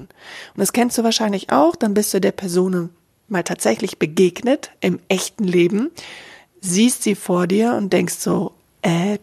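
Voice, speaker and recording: Breathy woman explaining the voice calmly. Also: fairly low pitch. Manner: calm, explanatory, addresses listener directly. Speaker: voice coach. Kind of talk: spoken voice lesson.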